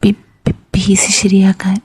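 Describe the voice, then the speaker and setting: A woman's voice: medium pitch, completely flat delivery, measured pace, a little mellow, slightly rough. A woman voicing an anxious young male student in a whispered role-play, stammering and pleading. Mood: pleading, nervous.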